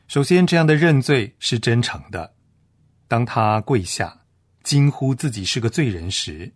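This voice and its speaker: A man's voice: mid-range voice, no room sound, clean studio sound. A man reading a sermon aloud in a solemn, earnest manner. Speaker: preacher. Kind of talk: read sermon.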